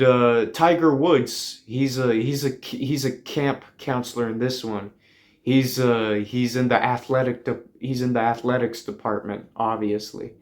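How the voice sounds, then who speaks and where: A man hosting a podcast, telling a rambling comedic monologue in a deadpan way with lots of fillers. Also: medium pitch. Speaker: podcast host.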